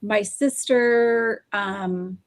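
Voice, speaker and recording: A woman's voice: mid-range voice, fairly even intonation, very slow, dry recording. Rambling woman with dry sound. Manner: rambling, many "like" and "um" fillers. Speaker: podcast co-host. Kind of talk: casual chat. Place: Oklahoma, US.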